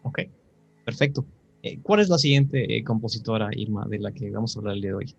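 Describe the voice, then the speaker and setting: A man moderating a talk, quickly asking the guest questions with some fillers. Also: lowish voice, gravelly, muffled recording, faint music behind.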